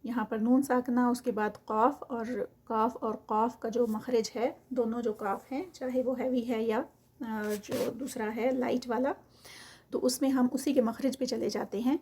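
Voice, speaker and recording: A woman gives a recitation lesson with a slightly high voice. She chants each phrase slowly and stretched out, then drops into quick, matter-of-fact explanation of the rules. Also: steady tone, darkish tone, breathy edge. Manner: alternates slow drawn-out recitation with quick explanations. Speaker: Quran recitation teacher. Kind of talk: tajweed lesson with slow recitation.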